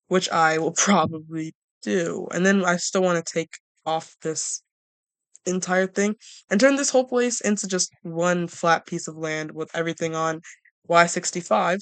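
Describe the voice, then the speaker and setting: A casual gameplay commentator talks through their progress in a loose, rambling way, breaking off and restarting sentences. The voice sits at a middle pitch and has a playful, joking manner with viewers. The recording is dry, with no room echo. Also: clean tone. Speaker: gameplay video creator.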